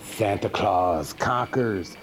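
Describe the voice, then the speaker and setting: On a noisy 1980s VHS recording of a TV show, a man speaks slowly in a fairly low voice. He's in character as a silly monster host of horror films, rambling in exasperated slang, sounding both sorry and grumpy.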